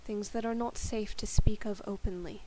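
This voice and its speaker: Formal woman envoy acted by a player, measured solemn oratory, tabletop role-play, faint hiss. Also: mid-range voice, steady tone, warm tone, lightly acted. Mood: earnest, firm. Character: formal, earnest woman envoy Rosalind pleading for peace. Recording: noisy recording with hiss.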